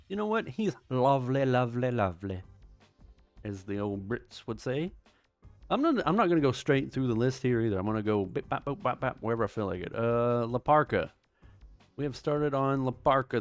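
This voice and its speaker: An American man hosting his own channel, giving rambling, sarcastic casual commentary. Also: mid-range voice. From United States. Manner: rambling, sarcastic, self-deprecating. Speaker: YouTube host.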